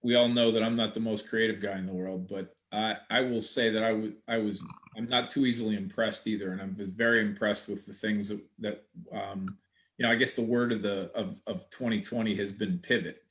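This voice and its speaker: A man's voice: on the low side, fairly even intonation, brisk. A man hosting a casual online chat, talking in a rambling, hesitant way with many restarts. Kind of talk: casual video-call chat.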